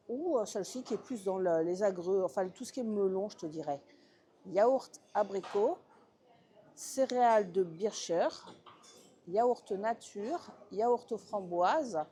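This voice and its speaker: Chatty woman with a mellow voice. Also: medium pitch. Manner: chatty, lists items one by one, addresses viewer directly. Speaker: vlogger touring a hotel breakfast buffet. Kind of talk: casual walkthrough vlog. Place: indoor hotel breakfast room.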